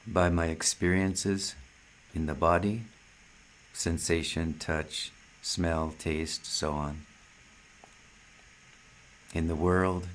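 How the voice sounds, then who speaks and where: With long silences between short, carefully placed phrases, a man gives a meditative spiritual talk while leading satsang. His voice is deep and low, and his teaching moves very slowly.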